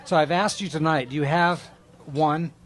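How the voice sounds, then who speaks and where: A man's voice: fairly high pitch, fairly even intonation, normal speed, fairly bright tone. A man co-hosting a live radio show, speaking hesitantly with fillers as he introduces his friend. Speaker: radio co-host. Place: live event at a bar.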